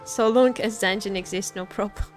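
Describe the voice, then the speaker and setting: Over background music, a woman streaming games banters playfully with viewers, picking out their comments and replying with a teasing edge in a casual livestream. She talks at normal speed in a medium-pitched voice.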